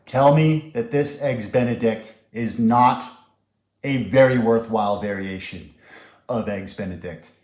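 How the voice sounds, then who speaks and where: A man's voice: lowish voice, measured pace, a little mellow, echoey room. A man hosting a casual cooking tutorial, chatty and enthusiastic, often restarting his sentences. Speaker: cooking channel host.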